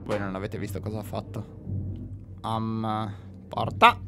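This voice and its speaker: A young man giving jokey, excitable let's play commentary on a horror game, talking to viewers and breaking into panicked yells. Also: on the low side, unhurried, gravelly, loud music behind the voice. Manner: addresses viewers directly. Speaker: gamer playing a horror game.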